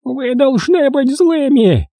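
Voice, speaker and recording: A man voicing a fanatical old woman teacher with a creaky, grating voice, read in a close, dry audiobook recording. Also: very high voice, big pitch swings, slow, dark tone, no echo, voice pushed up, full character voice.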